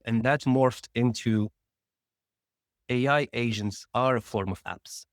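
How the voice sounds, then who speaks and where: A Tunisian startup founder recounts his career as a guest in a casual interview, speaking quickly and rambling with restarts. His voice is medium-pitched, and the clean studio sound has no room sound.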